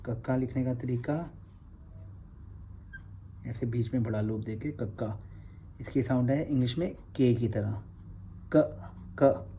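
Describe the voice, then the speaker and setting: A man's voice: medium pitch, measured pace, pauses often, warm tone, a little hiss or hum. A man, teaching Gurmukhi letters in a revision class and patiently repeating each sound.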